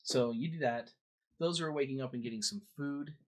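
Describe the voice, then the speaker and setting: A young man narrating as game master of a tabletop game, relaxed and rambling, with many fillers. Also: medium pitch, moderate pace, low-quality recording.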